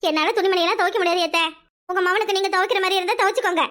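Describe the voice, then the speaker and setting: A woman voicing a put-upon village daughter-in-law in a cartoon, complaining and sharp-tongued, with a Kanyakumari Tamil accent. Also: very high voice, steady tone, racing. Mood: grumbling. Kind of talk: cartoon voice acting.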